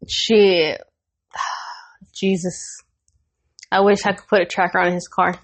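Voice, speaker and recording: A young adult woman co-hosting a podcast, telling a story in casual chat, animated and profane and laughing often. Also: lowish voice, takes it slowly. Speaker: podcast co-host.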